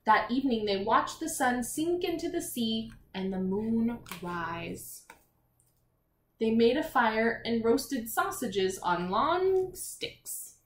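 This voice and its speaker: Reading a picture book aloud to young children, a woman teacher uses a sing-song, slightly high voice at a slow pace, expressive throughout, with encouraging asides and questions. Faint noise and echo fill the room.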